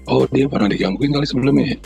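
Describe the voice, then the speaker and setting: Over soft background music, a man speaks very fast in a mid-range voice with a darkish tone, his delivery gravelly and husky. He's a podcast co-host who trades slang-heavy banter, then reads a listener-submitted horror story steadily, sounding out its noises.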